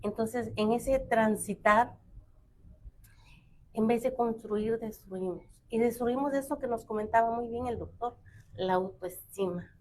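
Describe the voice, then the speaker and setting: A woman's voice: fairly high pitch, unhurried, a little mellow, slight background noise. A middle-aged woman on a talk show panel, telling a family story and acting out the quoted dialogue. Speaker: panel guest.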